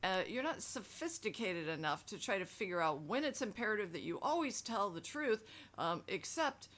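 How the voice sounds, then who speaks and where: A woman's voice: medium pitch, very animated, normal speed, a bit bright. A middle-aged woman talking casually and emphatically in a self-help video, frank and conversational.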